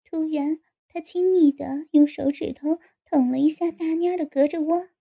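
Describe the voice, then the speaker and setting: A woman narrating an audiobook in a steady storytelling delivery. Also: sits high, normal speed, creaky.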